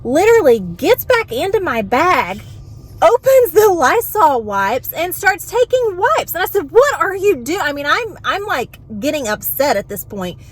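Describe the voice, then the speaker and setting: A woman, a vlogger and home health worker telling an animated, exasperated story in casual venting style. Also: high-pitched, a little slow.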